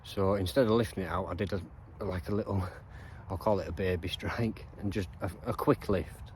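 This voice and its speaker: A man, calmly narrating his own fishing session on a riverbank. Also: normal speed, slight background noise. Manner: calm and low-key, explaining his fishing spot. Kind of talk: casual outdoor vlog narration. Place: outdoors on a riverbank.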